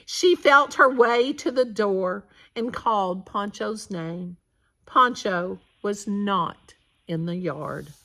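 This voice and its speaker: A woman reading a children's picture book aloud for storytime. Her voice is bright and clear, and she takes the story at an unhurried pace. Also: medium pitch. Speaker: storytime reader.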